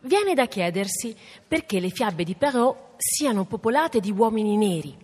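A woman host with a slightly husky voice and a lively melody reflects on the story just heard. Her words ring on in a long hall reverb. She explains in an unhurried radio manner. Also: medium pitch. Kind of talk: radio commentary.

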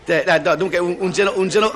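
A man's voice: fast talker, background noise. A man telling jokes live to an audience, laughing at his own punchlines, stumbling and restarting, and switching into voices for the characters. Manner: acts out characters with sudden high and low voices. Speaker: joke teller. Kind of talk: live comic joke telling.

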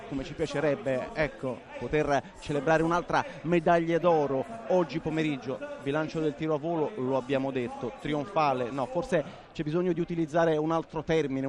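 A man giving live sports commentary in a partisan, dramatic way, repeating key phrases. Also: on the high side. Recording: outdoor venue with crowd behind.

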